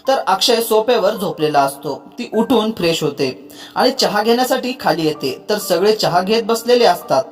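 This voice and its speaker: Woman storyteller over faint music. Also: medium pitch. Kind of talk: scripted story narration.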